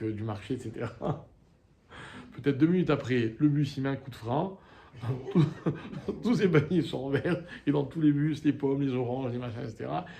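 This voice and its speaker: A man in a middle register leads a Torah class as its rabbi. He teaches with lively rhetorical questions, quotes Hebrew passages and translates them, and often restarts his sentences. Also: medium pitch, slight background noise. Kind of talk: lecture to a live class.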